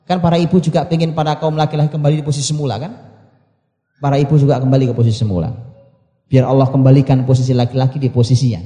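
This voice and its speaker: A man preaching in a slightly high, mellow voice, reciting Arabic verses slowly and then explaining them with repeated phrases and rhetorical questions. The sound is roomy, with a long reverb that trails off his words as if in a large hall. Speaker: Islamic preacher. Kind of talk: sermon explaining Quranic Arabic.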